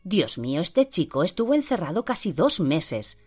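Una mujer lee a un médico compasivo que habla alarmado y suplicante. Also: female voice, on the low side, sing-song, normal speed, husky, pitched above the performer's own voice. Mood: alarmed. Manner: alarmed, pleading. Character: shocked, compassionate male doctor. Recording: dull lo-fi with faint music.

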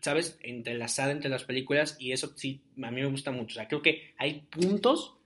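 A young man talks alone into his podcast mic. He rambles in a loose, chatty way and fills his talk with fillers. His voice sits at an ordinary middle pitch. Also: normal speed, a bit bright, slight background noise. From Jalisco, Mexico. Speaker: podcast host. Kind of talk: casual solo podcast monologue.

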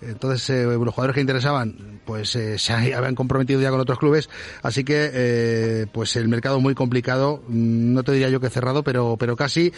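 A man's voice: medium pitch, fairly even intonation, fairly quick. A man with an accent from Spain giving a live sports news report on the radio. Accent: Spanish from Spain.

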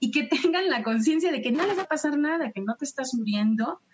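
A woman explains things on a podcast in an animated, laughing way. Her voice sits a bit high. The recording sounds dull and lo-fi. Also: a little fast, slight background noise. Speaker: guest sex educator. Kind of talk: podcast conversation.

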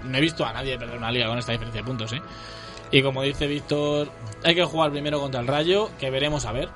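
A man in a casual football chat, opinionated and animated, speaking as a fan. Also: mid-range voice, fast, over music.

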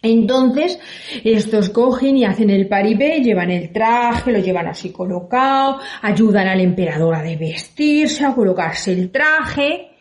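A woman who works as a reporter and storyteller, telling a children's tale aloud in a lively, playful way and acting out the characters. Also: mid-range voice, unhurried, roomy sound.

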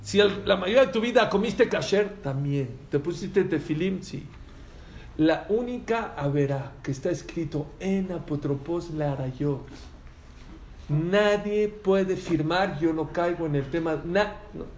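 A man's voice: a little high, moderate pace, reverberant, slight background noise. A man teaching a religious lesson to a live audience, telling stories animatedly and questioning his listeners.

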